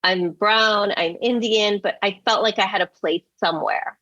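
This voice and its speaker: A woman's voice: mid-range voice, steady tone, normal speed, sharp tone, no room sound, highs cut off. A woman in her forties from England, a marketing executive who talks through her past candidly and reflectively as an interview guest.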